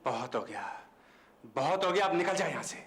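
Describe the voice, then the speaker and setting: A scornful defiant tenant, pitch jumps around, roomy echo. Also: male voice, lively intonation, normal speed, fairly bright tone. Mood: indignant. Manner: indignant, scornful. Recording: echoey room with faint noise.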